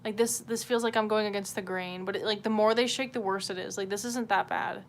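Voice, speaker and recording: Here a woman speaks at medium pitch in a steady tone, fairly quickly. She hosts a livestream and draws, keeping the chat informal, profane, and self-mocking. Background noise and room ambience are clear in the recording.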